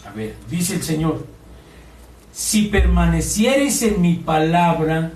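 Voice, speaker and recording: A man's voice: on the high side, lively intonation, slow, darkish tone. A man preaching a sermon as pastor, asking his congregation questions and mimicking complainers in a whiny voice. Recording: echoey room, distant mic, faint ambience.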